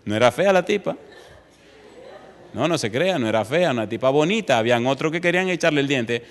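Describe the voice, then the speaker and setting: A man's voice: medium pitch, animated, quick pace, long reverb tail. A man preaching a sermon from a church pulpit, telling personal stories and pressing the congregation with repeated direct questions.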